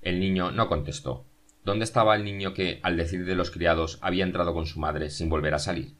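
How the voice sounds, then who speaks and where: A man narrating a novel as an audiobook, in a steady, measured reading. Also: low voice.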